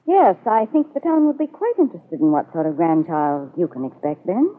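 In a 1940s radio soap, an actress plays a confident, scheming middle-aged woman, cool, insinuating, and coolly threatening. Her voice is lowish and very animated at a moderate pace, heard through a muffled old radio broadcast.

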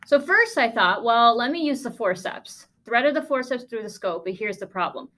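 A woman's voice: on the high side, expressive, moderate pace, pushed and bright. Woman telling a wry medical story. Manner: wry, sarcastic asides, emphatic. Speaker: podcast host, pulmonologist.

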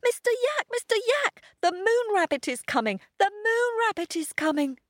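A tiny excitable watchdog pup, very high squeak, breathless, bouncy rushed lines, dry sound. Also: female voice, dry recording. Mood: anxious, excited. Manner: breathless, squeaky, repeats herself. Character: small excitable young female watchdog.

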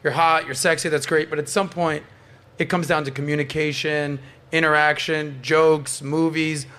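With a fairly high voice at normal speed, a podcast host with a Canadian accent spins lively stories for a casual panel. He teases people playfully and cusses often.

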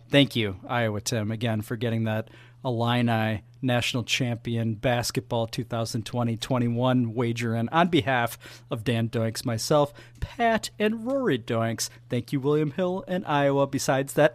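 A man's voice: mid-range voice, unhurried, no room sound. A man hosting a podcast, introducing a segment and cracking dry jokes in casual banter. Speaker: podcast host.

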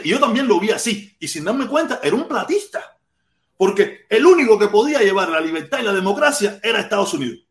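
A man's voice: sits high, echoey room. A man from Cuba with a Cuban accent, hosting a heated political livestream, reading the chat and repeating words in bursts. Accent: Cuban Spanish. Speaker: livestream host.

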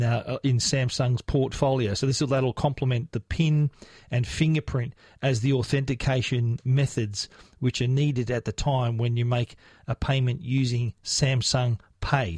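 Aussie bloke doing tech news on his podcast, mid pitch, dry close sound, keeps restarting bits. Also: a little mellow, no echo. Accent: Australian. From Australia. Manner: conversational, with frequent restarts and fillers.

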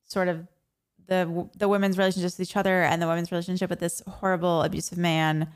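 A woman's voice: lowish voice, flat delivery, quick pace, clear, resonant tone. Chatty woman podcast co-host. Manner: chatty, emphatic, laughs easily. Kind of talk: casual chat.

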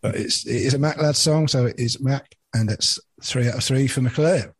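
A man's voice: mid-range voice, moderate pace, breathy edge, no room sound. A man co-hosting a casual podcast, reading out song lyrics for a quiz in a jokey way. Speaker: podcast co-host running a quiz. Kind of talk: casual chat.

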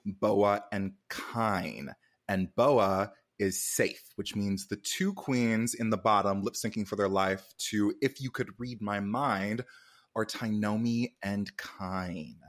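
Casting: male podcast host, slightly deep, gushing and camp, conversational interviewing. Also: fairly even intonation, slow. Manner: effusive, campy, uses endearments.

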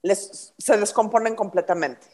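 A woman's voice: mid-range voice, measured pace, warm tone. A woman co-hosting a casual podcast chat, laying out her points in lists and laughing as she argues. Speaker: podcast co-host.

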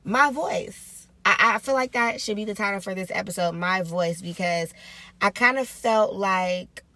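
Medium in pitch with a sharp tone, she speaks a little slowly on a dry recording. The woman hosts her own casual podcast solo, sounding upbeat and reflective while repeating phrases for emphasis.

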